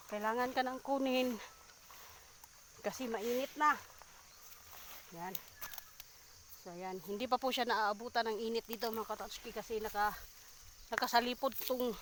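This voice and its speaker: A woman's voice: on the high side, fairly bright tone, slight background noise. Breathless woman vlogging outdoors. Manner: chatty, addressing viewers directly. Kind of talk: casual outdoor vlog narration. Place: rural outdoors.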